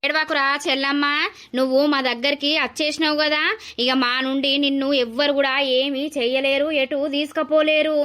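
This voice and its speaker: A protective, soothing mother-in-law in a cartoon village drama, voiced by a woman. She reassures in a fairly high voice with a Telangana Telugu accent. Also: little pitch movement, a little fast, a bit bright. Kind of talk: animated village drama voice acting.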